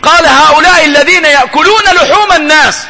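A man preaching a sermon, swinging between loud cries and hushed low lines. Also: fast talker, noisy background. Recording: long hall reverb.

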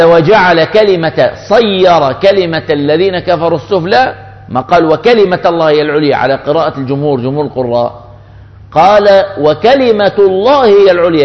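A man giving a religious lesson on scripture, explaining with rhetorical questions and reciting verses. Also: on the high side. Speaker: religious teacher. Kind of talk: Quranic exegesis lesson. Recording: muffled with long hall reverb.

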